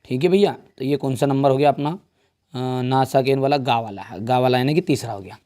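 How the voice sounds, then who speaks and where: A man's voice: medium pitch, brisk, mellow. A young man teaching an exam revision lesson, explaining step by step in a friendly way and often checking in with his students.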